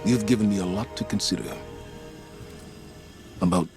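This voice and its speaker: A man playing a weary, remorseful veteran commander in a video game, solemn and measured, with halting, dignified delivery. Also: lowish voice, creaky. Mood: weary, accepting. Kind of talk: dramatic video game acting. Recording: cinematic music behind. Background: music.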